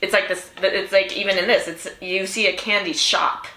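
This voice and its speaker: A woman's voice: medium pitch, moderate pace. A woman speaking as a casual fortune teller, giving spiritual advice with informal slang, repetition and acted-out reactions, speaking straight to the listener. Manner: animated, informal, acts out imagined reactions, uses slang and repetition; fortune-teller style reassurance addressed to the listener. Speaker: oracle card reader, spiritual guide. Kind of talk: casual oracle reading, spiritual advice talk. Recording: roomy, echoing room sound.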